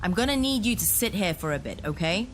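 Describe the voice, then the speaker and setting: A woman's voice: medium pitch, animated, fast, slight background noise, voice pushed up, natural voice. A woman voicing a firm male police officer giving orders. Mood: urgent. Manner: firm, commanding.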